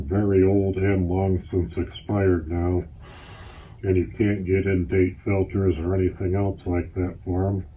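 A man talking through a gas mask, explaining in a plain, matter-of-fact way, his voice husky. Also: low-pitched, warm tone, slight background noise. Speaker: gas mask collector reviewing gear. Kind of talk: casual product overview. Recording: tinny, phone-like lo-fi sound.

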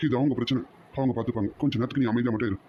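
A man's voice: mid-range voice, fairly even intonation, very fast, muffled recording, slight background noise, close to an everyday voice. A man voicing a stern man in a cartoon drama, firm and commanding.

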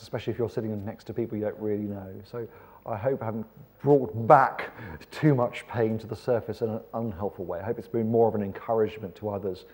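A middle-aged man preaching a sermon in a kindly, gentle vicar's manner, often putting questions to his listeners. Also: fairly low pitch, slightly rough. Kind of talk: sermon to a seated congregation. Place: church auditorium with stage.

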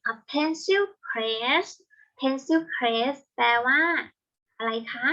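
A young woman teaching an English vocabulary lesson, explaining patiently step by step and slowing down on each English word. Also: high-pitched, expressive, a bit bright. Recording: dull lo-fi home recording.

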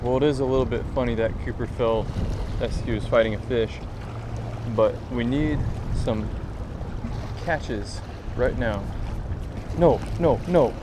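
A young man giving casual, excitable fishing commentary in slangy, exclamatory phrases. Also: mid-range voice, measured pace, long pauses. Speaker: fishing vlogger. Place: outdoors on a rocky jetty by the water. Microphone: action camera worn on the body. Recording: noisy outdoor action camera by water.

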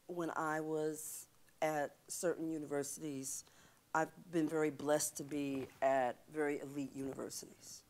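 A woman's voice: low-pitched, unhurried. A woman in her sixties, a guest speaker in a church studio interview, talking emphatically and gesturing, on a lapel mic. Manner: emphatic, animated storytelling with hand gestures. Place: church TV studio set, seated on stage.

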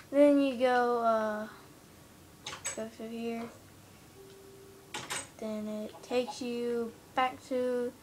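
A woman's voice: a little high, slight background noise. A woman gives a casual, rambling tour of her game build from her room at home, filming the TV with a handheld camera and filling her talk with hesitant "um"s and "uh"s. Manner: rambling, hesitant, many fillers. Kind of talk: casual gameplay walkthrough. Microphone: handheld camera filming the TV screen.

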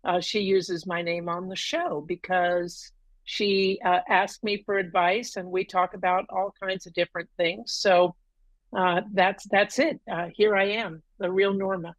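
A middle-aged woman joins a casual interview by video call from a room at home with a green wall. She tells her story at length, full of ums and uhs, in a lowish, level voice at a measured pace, with no room sound.

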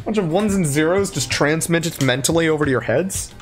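A man's voice: fairly high pitch, fairly quick. A man giving sarcastic let's-play commentary, exasperated and theatrically mocking. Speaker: gaming commentator. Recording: game music and dialogue behind.

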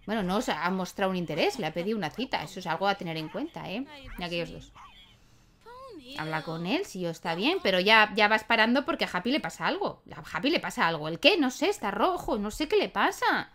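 A woman's voice: mid-range voice, sing-song, quick pace, fairly bright tone. A young woman, chatting casually as she plays a life-simulation game and talks to her characters. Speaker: gaming YouTuber. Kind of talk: casual gameplay commentary.

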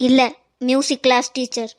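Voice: high-pitched, flat delivery, normal speed, no echo, lightly acted. A proud older village woman in a cartoon, as a performer voices her, who sells snacks and teaches music. She speaks. The sound is dry and close. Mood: brisk. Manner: proud, insists on being called teacher.

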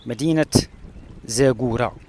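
A man from Morocco narrating his travels along a rural road and through a palm oasis, pausing often with "uh" fillers. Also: mid-range voice, a little mellow, slight background noise. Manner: hesitant, with frequent "uh" fillers and pauses. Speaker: travel vlogger.

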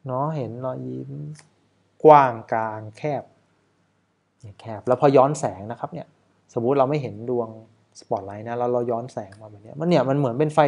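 A man's voice: medium pitch, a little mellow. A man, a wedding photographer, casually talking over footage in a chatty way, often asking rhetorical questions.

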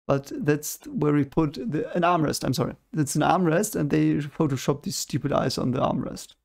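A young man talks over clips at his desk, his voice gravelly and sitting a bit high for a man. His commentary is casual and skeptical, dismissing what he sees as fake and stopping now and then to search for a word. He speaks close to a desk microphone. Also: normal speed. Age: young adult. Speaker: reaction video host. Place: home room at a desk. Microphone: desk microphone in front of him.

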